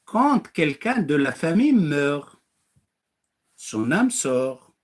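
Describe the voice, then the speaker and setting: A man's voice: fairly high pitch, big pitch swings, slow pace. A man preaching to listeners in French, acting out little dialogues, firing rhetorical questions and mocking now and then. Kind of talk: animated religious talk.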